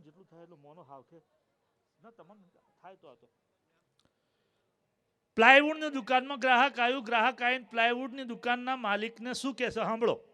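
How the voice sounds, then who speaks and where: A man's voice: very high-pitched, sharp tone. A man doing stand-up jokes at a late-night folk stage show, chatty and acting out both sides of each joke's dialogue. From Gujarat. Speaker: comedian.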